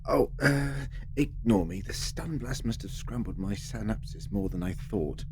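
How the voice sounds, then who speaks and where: A man's voice: fairly low pitch, expressive, measured pace, very noisy. A man playing an eccentric, genial time-travelling alien in an audio drama, playful and wry with theatrical mutterings.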